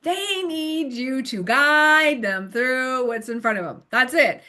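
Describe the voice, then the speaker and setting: A middle-aged woman with a high voice speaks slowly while running a recorded training lesson for volunteer literacy tutors. Encouraging and animated, she acts out how learners react.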